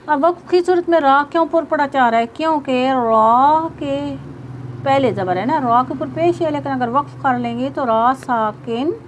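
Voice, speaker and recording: A woman with a high voice teaches tajweed, going through each rule step by step and reciting verses slowly in a drawn-out, melodic style. There is slight background noise.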